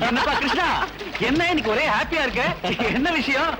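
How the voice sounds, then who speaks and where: A man's voice: extremely high pitch, brisk, heavy background noise. An actor playing a well-off young man who is earnest and reproachful, in Tamil film dialogue. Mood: friendly. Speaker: film character. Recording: film soundtrack with music.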